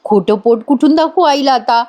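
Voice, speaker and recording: A woman's voice: sits high, moderate pace, dark tone, lightly acted. A woman voicing a flustered young man who stammers out excuses to his mother in a retold TV serial scene. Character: young son, flustered and evasive.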